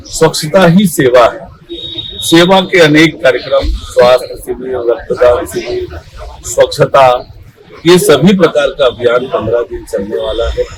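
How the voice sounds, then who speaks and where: A man's voice: mid-range voice, fairly bright tone, poor audio. A man speaking as a government minister at a public stadium event, in a formal, declamatory manner that keeps repeating a slogan.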